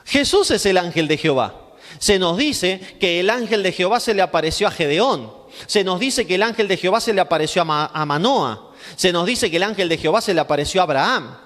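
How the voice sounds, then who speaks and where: Male pastor, high voice, emphatic and repetitive, heard in a long-reverb hall. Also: lively intonation, a little fast, fairly bright tone. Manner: asks rhetorical questions and answers them himself; emphatic, repeating phrases for stress. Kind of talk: Bible class sermon.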